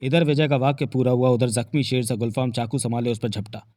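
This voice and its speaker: A man narrating an audiobook with vivid, dramatic storytelling. His voice sits at an ordinary pitch, and the recording is dry and close with no room sound. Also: steady tone, a little fast, darkish tone, no echo. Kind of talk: dramatic novel reading.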